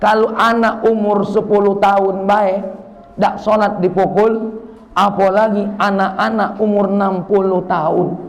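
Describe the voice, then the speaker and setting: A man's voice: high-pitched, fairly even intonation, unhurried. A man preacher with a South Sumatran Malay accent, giving a sermon and teasing his audience with jokes.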